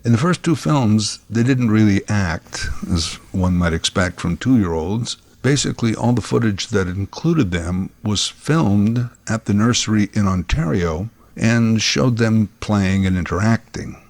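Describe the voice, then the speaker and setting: A man's voice: lowish voice, expressive, measured pace, hardly any pauses, a little mellow, no echo. A man giving scripted documentary narration in a conversational way, recorded on a close microphone.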